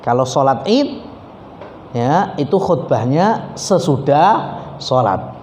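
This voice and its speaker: A male preacher with a Javanese accent giving an animated, joking religious study lecture, slipping into Javanese and Arabic recitation. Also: mid-range voice, slow. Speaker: Islamic preacher. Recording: echoey hall, faint background noise.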